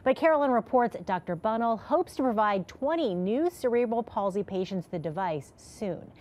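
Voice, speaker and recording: A woman radio news announcer reading a scripted news segment in a loud, dense radio voice. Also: fairly high pitch, expressive, moderate pace.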